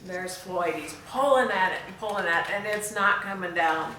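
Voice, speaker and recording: A volunteer storyteller with a bright, medium-pitched voice reads a picture book aloud to children at a moderate pace, adding expressive, chatty asides and questions for the young listeners. She's in an echoey room, far from the mic, with slight background noise.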